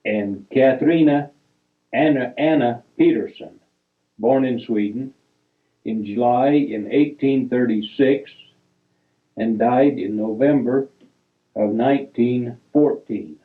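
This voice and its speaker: Slow, halting older man on a tinny line. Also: medium pitch. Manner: halting, reads dates piece by piece, corrects himself. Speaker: family storyteller. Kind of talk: reminiscing narration over old family photos. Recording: tinny, phone-like recording.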